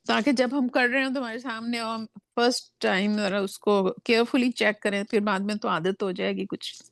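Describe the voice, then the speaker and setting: A woman's voice: on the high side, steady tone, normal speed, vocal fry, a bit bright, no room sound. A woman student asking her teacher questions, with some hesitation and fillers.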